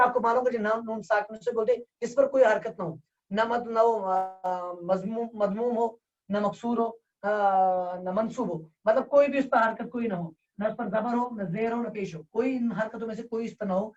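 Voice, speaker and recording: Distant, muffled male Tajweed teacher. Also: high-pitched. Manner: dictates slowly, repeating key terms for note-taking; hesitant, with drawn-out fillers. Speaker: Quran recitation teacher. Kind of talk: online Tajweed class. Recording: distant, dull lo-fi online class audio.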